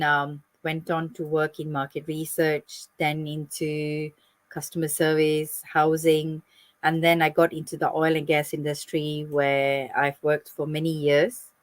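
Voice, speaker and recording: A woman from Malaysia, speaking a little low with a dry, close sound. She answers a host's questions on a video call in a friendly, fluent way, with the odd light laugh. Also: monotone, measured pace, dry recording. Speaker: guest, club president.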